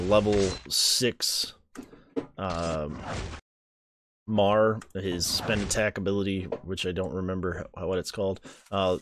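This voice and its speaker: A man's voice: low-pitched, noisy background. A man hosting a gaming channel, chatting casually through a let's-play, jokingly reading game dialogue aloud and admitting he is unsure how names are pronounced. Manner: reads game dialogue aloud and laughs at it, jokes around.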